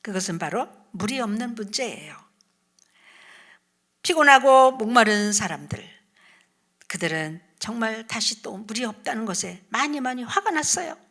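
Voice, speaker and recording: A woman evangelist telling a Bible story to children, animated, asking questions and dropping into soft whispered asides. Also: fairly high pitch, moderate pace.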